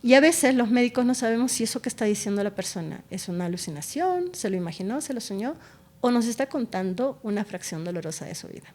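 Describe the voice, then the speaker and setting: A woman's voice: fairly high pitch, lively intonation, fast, a little mellow. A woman neurologist, a guest in an interview, explains things and tells stories about her patients expressively. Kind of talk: conversational interview.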